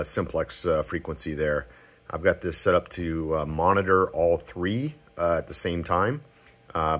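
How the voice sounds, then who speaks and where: A man giving a casual, unscripted product demonstration as a radio hobbyist, talking in a halting, informal way. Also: sits low, fairly bright tone. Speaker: amateur radio hobbyist reviewer. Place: cluttered indoor radio room at home.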